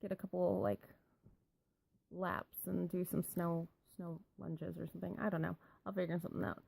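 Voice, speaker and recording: Rambling young woman vlogger, lowish voice. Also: little pitch movement, normal speed, vocal fry, a little mellow, slightly rough. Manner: rambling, lots of ums and likes. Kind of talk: casual rambling vlog.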